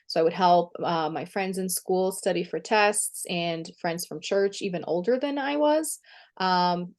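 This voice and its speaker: A Brazilian woman whose first language is Portuguese appears as a guest on a podcast interview, speaking as an empowerment coach. Her voice sits on the low side, and she is upbeat and chatty, laughing easily.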